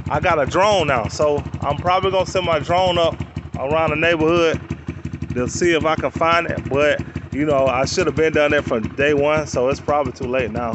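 A man's voice: on the high side, normal speed, background noise. A man talking in a laid-back, slangy, rambling way as he vlogs outdoors on a rural property, filming with a handheld camera. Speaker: vlogger. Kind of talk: casual walk-around vlog.

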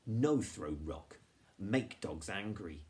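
A man reading aloud and voicing a quiet, wise young girl who speaks in soft, simple, halting phrases. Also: deep voice, lively intonation. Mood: earnest.

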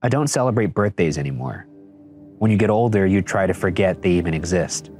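A young man reading a story and chatting in a dark studio, teasing and dry. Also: sits low, expressive, fairly quick. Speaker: host and story reader. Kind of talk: story reading and casual chat. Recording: music playing underneath.

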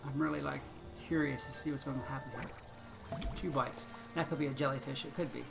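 A man's voice: mid-range voice, fairly even intonation, brisk, vocal fry, over music. A man giving casual, chatty commentary on his own gameplay, thinking aloud and chuckling often as he plays. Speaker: gaming channel host.

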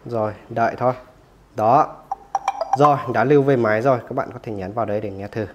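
A man's voice: mid-range voice, brisk, highs cut off, noisy background. Casual man walking through app steps. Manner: casual, instructive, often says "rồi" between steps. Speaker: tech tutorial host. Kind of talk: step-by-step phone app tutorial.

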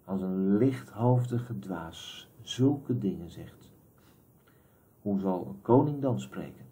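A man voicing a brooding bard who mutters to himself, low, quiet and slow. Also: animated. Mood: musing.

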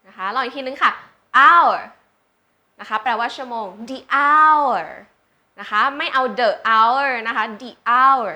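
A woman's voice: fairly high pitch, racing, few pauses, bright, forceful tone. A woman tutoring beginners in English, patient, asking learners questions and drawing out example words for them to repeat. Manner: patient, checks understanding with questions. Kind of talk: slow teaching with example sentences.

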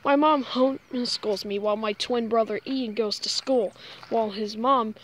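A woman's voice: a little high, moderate pace. A woman vlogging casually to her viewers, anxious and apologetic, often sighing and exclaiming. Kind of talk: casual vlog narration to viewers.

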